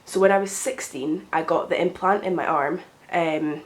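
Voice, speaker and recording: This young adult woman has a fairly low voice, a moderate pace and fairly even intonation. She is a beauty vlogger with a sniffly cold, rambling and saying um a lot while she does her makeup for a get ready with me vlog at home.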